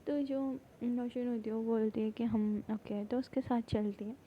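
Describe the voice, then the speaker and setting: A woman casually retelling a drama plot, rambling with many fillers and halting restarts. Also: fairly high pitch, steady tone, lo-fi sound, a little hiss or hum. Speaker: storyteller recapping a drama plot.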